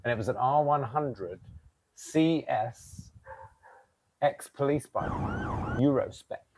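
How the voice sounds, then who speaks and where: A man's voice: medium pitch, takes it slowly, noisy background. A man in his thirties, a custom motorcycle builder, talking casually and animatedly outdoors by a garage door on a lapel mic. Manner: animated, explains with hand gestures. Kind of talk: casual show-and-tell.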